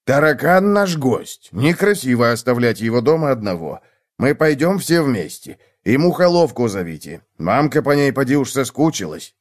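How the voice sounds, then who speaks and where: A man voicing a kindly, absent-minded old hamster gnome in a children's audiobook, speaking slowly in a muttering, grandfatherly way. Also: mid-range voice, very animated, natural voice. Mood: firm. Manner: slow, doddering, muttering.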